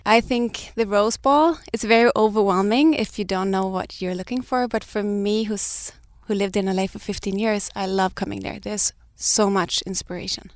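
With a mid-range voice, normal speed and few pauses, a woman in her thirties answers interview questions about her fashion brand, with no echo. Raised in Sweden, with Danish or Swedish as her first language, she's reflective and keeps restarting sentences amid light laughs.

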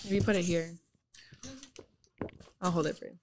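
A woman's voice: lowish voice, fairly even intonation, normal speed, a little mellow, slight background noise. A woman talking casually with friends. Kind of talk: casual chat.

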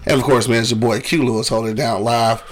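A man's voice: medium pitch, steady tone, fast talker, a little hiss or hum. A man hosting a casual radio show, bantering loosely with profane trash talk.

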